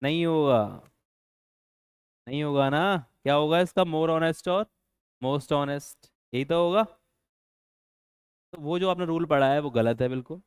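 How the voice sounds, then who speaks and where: A man's voice: a little high, measured pace, long pauses, clean tone, no echo, clean studio sound. A man teaching a grammar lesson, asking his students rhetorical questions and repeating key points. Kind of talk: classroom-style grammar lesson.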